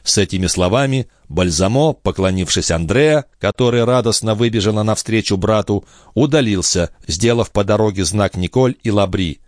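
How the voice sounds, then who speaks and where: A man narrating a classic novel as an audiobook, in a measured, expressive way. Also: on the low side, no echo, studio quality.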